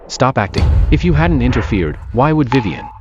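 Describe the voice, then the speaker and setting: A man's voice: mid-range voice, big pitch swings, moderate pace, dull audio, music in the background, lightly acted. A man voicing a hot-headed, accusing young man. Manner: accusing, harsh. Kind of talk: English drama dub.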